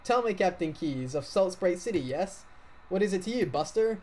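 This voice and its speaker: A woman's voice: fairly low pitch, animated, normal speed, mellow. A man voicing a chirpy female TV announcer in a put-on French accent, bubbly and theatrical. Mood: gushing. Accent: fake French.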